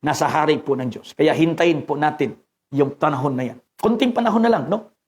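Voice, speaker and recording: High-voiced Filipino preacher. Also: male voice, a little fast, a little mellow. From Philippines. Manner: preaching, mixing Cebuano and Tagalog with English scripture, rising to fervent peaks. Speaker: pastor. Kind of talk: sermon.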